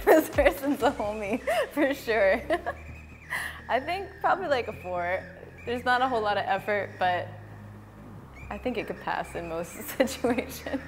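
A woman in her twenties from the United States, chatting casually on a dating show and laughing often. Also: a little high. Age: 20s. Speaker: blind-date contestant. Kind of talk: casual chat. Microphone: lapel mic.

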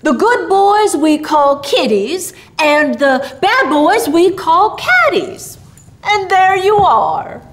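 Woman reader as old man Santa Claus for a storybook: hearty, kindly, folksy, drawn-out and lively in pitch. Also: a little hiss or hum, heavily acted. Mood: explaining. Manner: folksy, drawling, reassuring.

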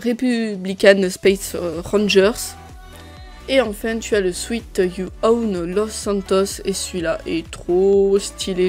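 A woman's voice: medium pitch, darkish tone. A woman presenting a casual gaming news rundown, listing items in a chatty way with frequent fillers. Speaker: gaming video creator.

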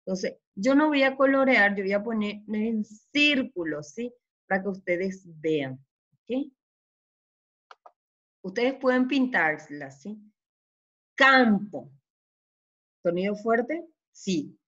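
Slow, careful woman teacher. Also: mid-range voice, lively intonation, fairly bright tone, muffled recording. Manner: slow and deliberate, often checking with "¿sí?"; sounds out syllables carefully. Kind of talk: children's reading lesson.

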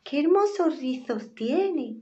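A tiny, playful bear cub pipes up in a high, childlike squeak, as a woman puts him on. He sounds small and eager, a storybook character. The recording is dull and slightly lo-fi. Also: lively intonation, a little slow, creaky, fairly bright tone, a little hiss or hum, exaggerated voice. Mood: sweet.

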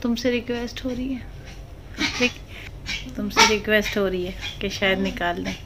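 A woman with a medium-pitched voice speaks at normal speed, cooing sing-song baby talk to her pet parrot. It's a home phone video shot indoors in her living room, with background noise.

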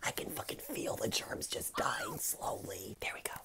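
A young man in his late teens, a YouTuber from Canada doing comedic ASMR whispering into an earphone headset mic. He is crude and sassy and swears constantly. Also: moderate pace. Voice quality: whispery with a gravelly edge.

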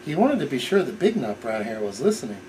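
A middle-aged man reads a picture book at bedtime. His medium-pitched voice moves in a lively way, with clear room noise on a home camcorder recording. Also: fast talker, low-quality recording. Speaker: parent reading to a baby. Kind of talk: bedtime storybook reading. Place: small living room, indoors. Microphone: camcorder a few feet away.

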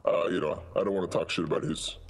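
A man playing a laid-back, foul-mouthed demon, chatting in a rambling, deadpan way. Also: low voice, fast talker. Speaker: co-host of a gaming let's play. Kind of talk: casual improvised comic chat. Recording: clear game noise behind the voice. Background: video game sound effects and ambience.

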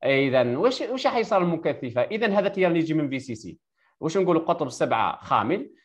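Rapid Algerian teacher quizzing a student. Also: male voice, a little high, sing-song, muffled recording. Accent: Algerian Arabic. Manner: quizzes the student with rapid-fire questions and confirms her answers. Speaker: electrical engineering teacher. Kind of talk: live online tutoring lesson. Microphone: video call.

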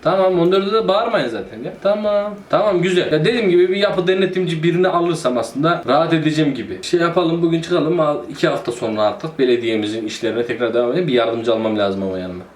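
A man's voice: a little high, fast talker, hardly any pauses, a little hiss or hum. A man giving casual, joking commentary while playing a city-building game and talking to himself. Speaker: gaming YouTuber. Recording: roomy echo.

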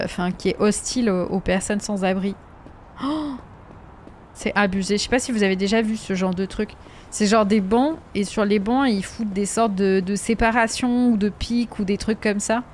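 A woman's voice: mid-range voice, a little hiss or hum. A woman chatting during a live gameplay stream, reacting to viewers' messages and sometimes slipping into English with a French accent.

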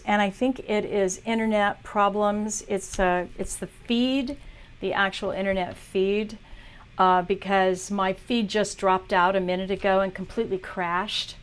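A woman teaching art on a livestream, chatting casually as she talks viewers through a drawing demo. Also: medium pitch. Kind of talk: live demo tutorial.

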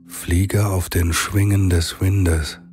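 A man narrating a guided sleep meditation like a soothing sleep-story narrator, with long pauses between phrases. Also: low-pitched, little pitch movement. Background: meditative singing bowl music.

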